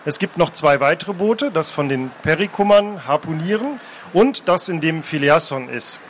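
A man reading fantasy adventure prose aloud, taking turns with a second reader and shouting out the characters' cries. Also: fairly high pitch, lively intonation, moderate pace, a little hiss or hum. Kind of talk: dramatic book reading, alternating narration.

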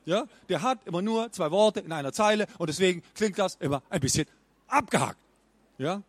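Lively high-voiced German speech coach. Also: male voice, brisk, no room sound. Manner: lively, mimics bad speaking habits with exaggerated intonation. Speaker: speech trainer. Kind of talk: stage talk at a book fair.

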